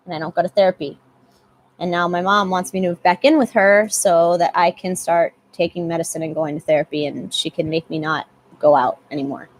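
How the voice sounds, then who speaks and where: A woman's voice: on the low side, slight background noise. A young woman giving a casual live tarot reading, chatty and often repeating herself. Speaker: tarot reader.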